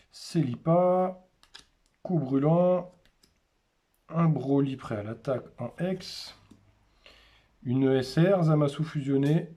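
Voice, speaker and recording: Slow, mellow-voiced man naming cards. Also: on the high side. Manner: names cards one by one in short, unhurried remarks. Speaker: host opening a card display. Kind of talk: casual unboxing commentary.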